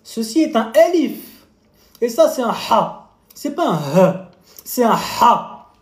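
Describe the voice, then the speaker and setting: In a reverberant space, a fitness coach chats on his live stream while eating, mouth full. His very high-pitched voice has a slow, sing-song lilt as he teases viewers with playful mini lessons and quizzes.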